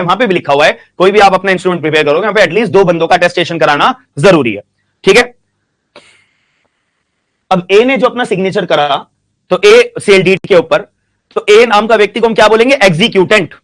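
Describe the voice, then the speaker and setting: A man teaching a law class, speaking slowly and repeating questions and answers so students can write them down, with phrases. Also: high voice, fairly bright tone. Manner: slow dictation, repeats questions and answers, frequent "ठीक है" checks. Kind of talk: classroom lecture.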